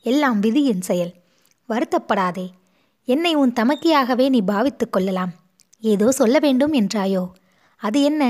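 A woman's voice: a little high, animated, unhurried, pauses often. A woman doing a composed royal princess. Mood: calm. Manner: firm yet gently soothing. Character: composed royal princess, elder-sister manner.

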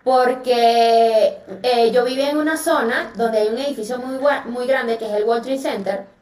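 High Venezuelan woman, roomy distant sound. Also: normal speed. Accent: Venezuelan Spanish. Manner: lively, acts out quoted voices, many fillers. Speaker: podcast guest. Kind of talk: animated personal storytelling.

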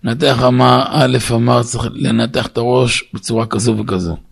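A man, a rabbi, giving a Torah lesson in a storytelling way, asking and answering his own questions and rising high and loud to stress points. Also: steady tone, gravelly, slightly rough. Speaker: rabbi teaching a class.

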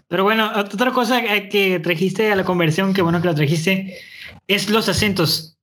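A young man with a northern Mexican accent hosting a casual chat, talking fast and clipped, often restarting his words. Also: high-pitched, fairly bright tone. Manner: fast, clipped talk with frequent stammered restarts. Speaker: host.

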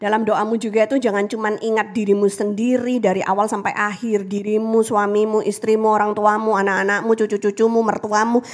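A woman preaching a lively sermon, calling out to the congregation and dropping to a whisper on prayer lines. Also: mid-range voice, a little fast, hardly any pauses.

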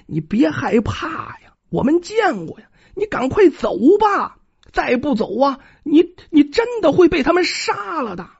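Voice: sits high, sing-song, a little slow, creaky, voice pushed up, heavily acted. A storyteller voicing a kindhearted young man who pleads and stammers in a raised, strained voice, on a dull lo-fi recording. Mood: hushed urging.

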